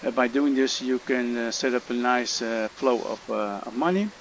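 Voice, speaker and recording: A man from the Netherlands, Dutch accent evident, speaks at normal speed in a medium-pitched voice while giving casual commentary on a fishing game tutorial. He pauses and uses fillers often, and slight background noise can be heard.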